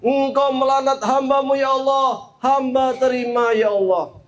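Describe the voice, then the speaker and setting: A proud, defiant devil, put on by a Javanese-accented man who pleads in long, stretched-out phrases. The voice sits very high. It is a storyteller's put-on inside a sermon. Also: little pitch movement. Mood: proud pleading. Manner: drawn-out pleading.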